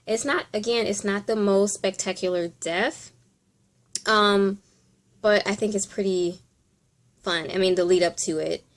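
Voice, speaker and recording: A woman's voice: medium pitch, unhurried, pauses often. A woman hosting a casual top ten countdown, chatting informally and thinking aloud as she gives her commentary. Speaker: video host.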